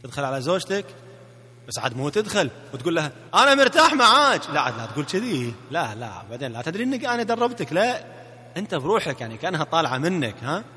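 A man's voice: fairly high pitch, big pitch swings, very fast, a bit bright, in a large hall. A man with a Gulf Arabic accent coaching listeners in a recorded self-help lesson, playfully coaxing them to repeat phrases after him. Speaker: marriage coach.

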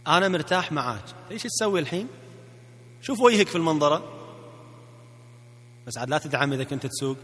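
A man's voice: fairly high pitch, lively intonation, fast, long pauses, a bit bright. Playful coaxing Gulf Arabic man. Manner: playful, coaxing, repeats phrases for the listener to echo. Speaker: marriage coach. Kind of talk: recorded self-help audio lesson.

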